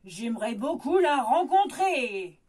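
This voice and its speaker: A woman voicing a big, greedy male ogre who booms and gloats in a storybook reading. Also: sing-song, takes it slowly, darkish tone, exaggerated voice. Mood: gloating. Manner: booming, gloating laughs.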